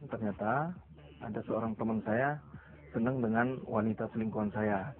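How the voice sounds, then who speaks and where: A middle-aged man giving an earnest, confessional personal testimony in an interview. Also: lowish voice. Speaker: testimony speaker. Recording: tinny phone-like sound.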